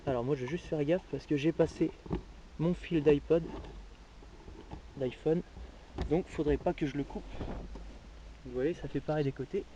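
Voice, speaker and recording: A man's voice: a little high, normal speed, long pauses, background noise. Man, casual hobbyist tutorial voice, hesitant, dull muffled recording. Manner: hesitant, many fillers and restarts. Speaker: amateur car DIY tutorial maker. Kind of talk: casual step-by-step how-to.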